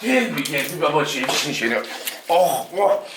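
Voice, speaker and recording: A man with a fairly high voice talks casually to his viewers and his dog in a home room. He teases, scolds and coos at the dog as he goes. The recording is noisy, with dog sounds behind him. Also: a little fast. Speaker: dog channel vlogger.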